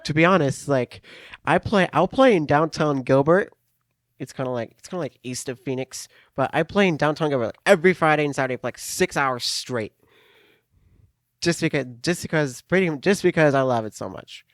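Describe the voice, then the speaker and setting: A man's voice: fairly high pitch, brisk, no room sound. A man, a clarinet player and talent show winner, answering interview questions earnestly, with many restarts. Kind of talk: casual interview chat.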